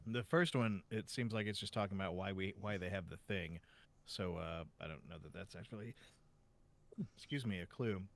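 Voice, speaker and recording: Low-voiced man musing over game clues. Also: normal speed, creaky. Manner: relaxed, thinking aloud with fillers. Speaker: game co-player. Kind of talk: casual chat while playing a game.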